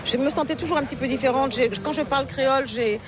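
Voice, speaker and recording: A thoughtful woman, a novelist guest from Paris, France, talks in a casual interview at an outdoor market surrounded by a lively crowd. Her voice is high and quick, and she hesitates often, with fillers and restarts. The outdoor recording carries crowd chatter and passing vehicles.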